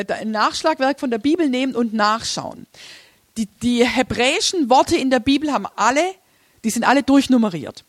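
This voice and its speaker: A woman leads a church workshop in a loose, chatty way, laughing as she explains her slides. Her voice sits a little high. The sound is dry and close, with no room echo. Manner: chatty, informal, laughs often, many restarts. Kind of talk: casual teaching talk with slides.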